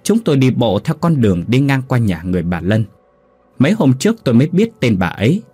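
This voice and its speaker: Husky man telling a ghost story. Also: mid-range voice, a little fast, no echo. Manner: lively, expressive reading. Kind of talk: scripted horror story narration.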